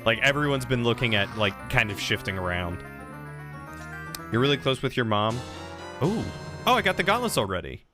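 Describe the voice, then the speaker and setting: A man's voice: medium pitch, moderate pace. A young man casually chatting with viewers and reading their messages while streaming a video game. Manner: relaxed, chatty, reading chat aloud. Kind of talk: casual let's-play chat. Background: game music.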